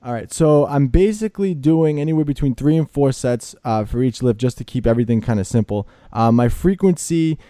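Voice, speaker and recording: A man in his late twenties hosting a casual podcast interview, speaking in a relaxed, matter-of-fact way. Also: medium pitch, brisk, few pauses, clean tone, no echo, clean studio sound. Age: late 20s. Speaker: podcast host.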